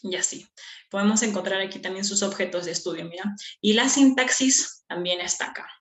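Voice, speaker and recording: A woman's voice: medium pitch, brisk, fairly bright tone. A woman teacher explaining a lesson patiently, repeating key terms and checking that students follow. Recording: echoey room.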